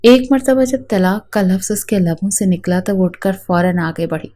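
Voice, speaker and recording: A woman narrates a dramatic story in a steady, even reading. Her tone is mellow and dark rather than bright. She sits at a middle pitch for a woman.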